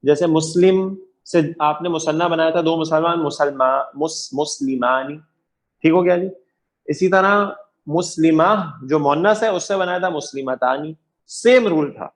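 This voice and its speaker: Guy teaching grammar, patient, keeps checking everyone got it, voice a bit on the high side. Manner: patient, often checks understanding and repeats examples. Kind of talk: lecture.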